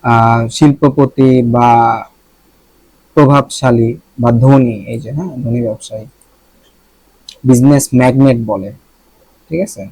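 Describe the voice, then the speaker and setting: A man's voice: medium pitch, unhurried, pauses often, a little mellow, dry recording, low-quality recording. A young man with a Bangladeshi accent teaching vocabulary in a casual lesson, thinking aloud and repeating words to check his pronunciation.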